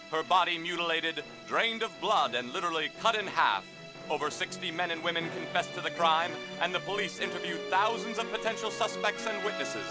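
A man narrating as a dramatic 1940s newsreel announcer, with an emphatic, declamatory delivery and dramatic pauses. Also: on the high side, close to an everyday voice. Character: punchy old-time newsreel announcer, male, adult. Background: music under the narration.

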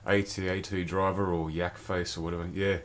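A man's voice: deep voice, little pitch movement, brisk. A man casually reviewing a collectible toy in a rambling, chatty vlog from his home beer cellar. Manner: chatty, rambling, loose slang.

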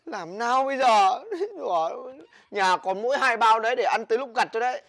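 A man's voice: very high voice, normal speed, vocal fry, full character voice. A man with a Northern Vietnamese accent playing an exasperated older brother who scolds his little sister in a village comedy sketch. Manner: scolding, exasperated, loud complaining.

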